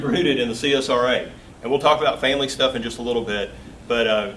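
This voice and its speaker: A man's voice: medium pitch, fairly bright tone. Southern US man, 40s, easygoing joking guest speaker, recorded from a distance. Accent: Southern US, Augusta Georgia. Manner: folksy and joking, with filler words. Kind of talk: casual company talk. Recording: distant mic with faint room noise.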